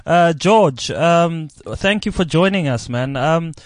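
A man's voice: a little high, expressive, takes it slowly, no room sound. A man from South Africa hosting a studio interview, asking probing questions with frequent restarts. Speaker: host. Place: radio studio.

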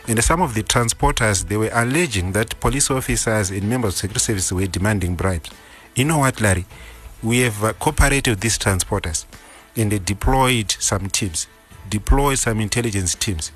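A man answering radio questions as a police spokesman, speaking in a firm, official and repetitive way. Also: on the low side.

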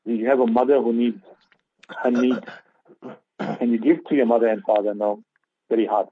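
A man's voice: mid-range voice, steady tone, normal speed, husky, phone-quality sound. A man giving religious advice on a radio talk show, preaching and repeating key phrases for emphasis. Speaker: Islamic scholar on radio.

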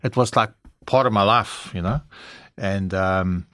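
Candid South African man, low voice. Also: a little slow, fairly bright tone, no echo, studio quality. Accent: South African English. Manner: candid, frank storytelling. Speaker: guest sharing his testimony.

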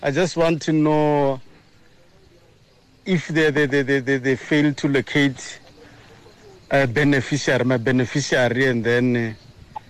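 A man leaving a halting question in a recorded voice message, played back on a radio talk show. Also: medium pitch, steady tone. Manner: halting, stumbles over repeated words.

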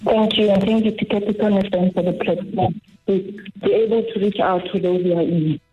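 Woman caller, South African accent, courteous, measured phrasing, narrow tinny telephone audio, music underneath. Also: mid-range voice, steady tone. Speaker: radio show caller. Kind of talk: phone-in conversation. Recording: tinny narrowband phone line.

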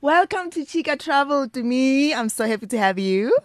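A woman's voice: sits high, expressive, normal speed, dry recording, clean studio sound, faint music behind. A young adult woman with a South African accent, hosting a casual travel podcast in a chatty, enthusiastic way. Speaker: podcast host.

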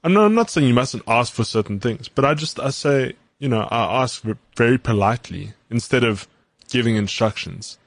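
A man's voice: mid-range voice, expressive, moderate pace, no room sound. A man in a casual chat, earnest, explaining his views with everyday examples and a few stumbling starts.

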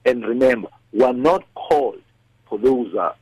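Casting: South African male faith-show guest, husky mid-range voice, close dry sound, code-switching. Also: mid-range voice, normal speed, darkish tone, no room sound, low-quality recording. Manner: mixes English with a Nguni language. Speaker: radio discussion guest. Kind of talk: devotional talk.

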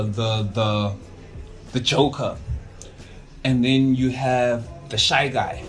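A young man talks as a guest on a podcast in a mid-pitched voice. He is casual and jokey, using plenty of slang and repeating words as he rambles along.

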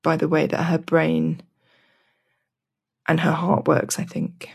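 Woman, lowish husky voice, reflective candid interviewee. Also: completely flat delivery, slow pace, a little mellow. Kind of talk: reflective conversation.

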